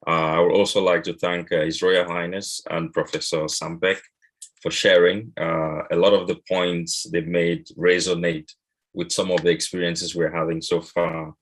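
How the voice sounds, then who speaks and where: A man from Cameroon speaking on an online panel, measured and pausing often with "uh". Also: low-pitched, little pitch movement. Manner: measured, with frequent "uh" pauses. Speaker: cocoa and coffee exporter.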